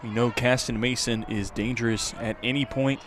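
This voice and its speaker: In live radio sports commentary, a male announcer calls baseball play-by-play at a moderate pace, his mid-range voice fairly even in intonation. An outdoor ballpark crowd and ambient noise can be heard.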